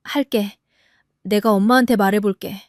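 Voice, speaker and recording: A woman voicing an earnest young husband who pleads but stands firm, in a lowered voice. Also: fairly even intonation, normal speed, dry recording, studio quality, close to an everyday voice.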